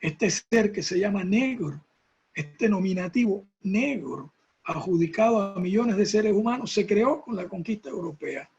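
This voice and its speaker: A man with a husky, raspy voice, lecturing in an emphatic, reflective way with rhetorical repetition and tag questions. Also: high-pitched, unhurried, a little mellow. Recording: dull lo-fi sound.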